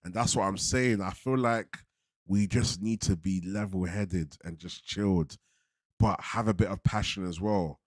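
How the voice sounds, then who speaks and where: A man's voice: sits low, a little slow, dry recording. A man with a London roadman accent chatting casually to livestream viewers, laid-back and slangy, often repeating himself. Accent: London roadman, multicultural urban slang. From London, England. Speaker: football fan channel host.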